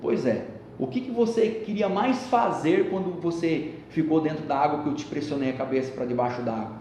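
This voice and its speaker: A man voicing a calm, patient old sage who speaks slowly, low and quietly. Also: lightly acted. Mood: calm, firm. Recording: echoey hall with faint rumble.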